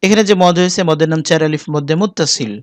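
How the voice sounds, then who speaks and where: A man with a Bangladeshi Bengali accent leads a Quran spelling lesson, naming each letter and vowel in a slow, patient cadence. His voice is fairly high for a man, smooth and clean, and sits close to a dry microphone with no room sound. Now and then he breaks into slow, melodic recitation. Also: no echo. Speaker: Quran teacher.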